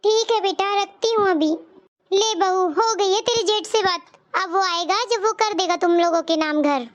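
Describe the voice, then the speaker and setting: A scheming old mother-in-law from a cartoon story, voiced by a woman, sweet-talking with a sugary, wheedling manner. The voice sits very high. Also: normal speed, dull audio. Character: scheming elderly mother-in-law who plays favourites.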